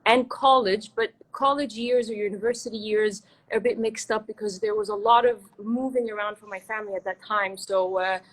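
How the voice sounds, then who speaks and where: A woman's voice: medium pitch, fairly even intonation, a little fast, hardly any pauses, rough recording. A young woman from Egypt, a guest in an interview, talking in a reflective, chatty way. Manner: chatty, restarts and fillers, reflective. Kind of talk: casual interview.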